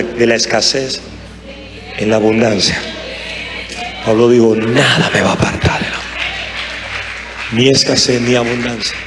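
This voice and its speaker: A man's voice: mid-range voice, creaky. A man preaching a live sermon to a congregation in an impassioned, conversational way. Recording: sermon with music behind. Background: music.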